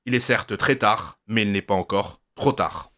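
A man's voice: lowish voice, normal speed, bright, forceful tone. A man delivering a prepared political radio column in an emphatic, rhetorical, declarative manner.

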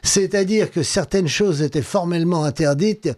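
Higher-pitched man with a Parisian French accent. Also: moderate pace, a little mellow. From Paris, France. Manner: blunt, colloquial, polemical. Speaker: radio guest, writer and programme host. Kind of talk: opinionated radio conversation.

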